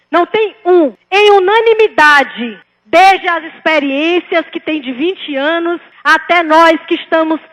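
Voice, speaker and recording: A woman councillor with a Bahian, Northeastern Brazilian accent delivers a fervent political speech. Her voice sits high, and she presses her points with emphatic rhetorical questions and repeated phrases. The sound carries the long reverb of a large chamber. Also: a bit bright. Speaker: city councillor.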